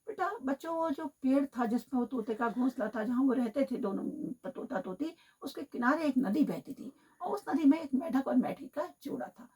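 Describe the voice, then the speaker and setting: A teacher telling a children's story on the radio, talking straight to the children in an animated way. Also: female voice, sits high, normal speed, few pauses, breathy edge. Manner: animated, addresses children directly. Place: radio studio.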